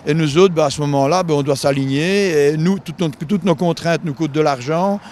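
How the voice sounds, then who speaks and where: Plainspoken farmer. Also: male voice, on the high side, a little fast, a little mellow, a little hiss or hum. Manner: plainspoken, colloquial.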